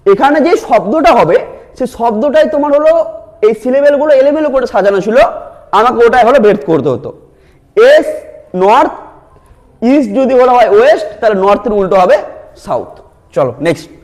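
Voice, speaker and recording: A man's voice: very high-pitched, big pitch swings, fairly quick, long pauses, darkish tone. A male teacher, explaining reasoning exam questions and answering his own questions. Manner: asks questions, then answers them himself.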